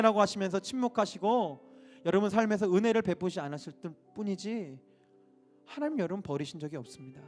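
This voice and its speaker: High pitched pastor guy preaching hard, lots of questions to the crowd, soft music under it. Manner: impassioned, many rhetorical questions. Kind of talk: sermon.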